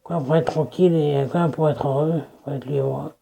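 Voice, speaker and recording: Video creator, DJ persona, casual self-introduction, rambling, restarts sentences, creaky gravelly voice, mellow dark tone. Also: medium pitch, fairly even intonation, normal speed.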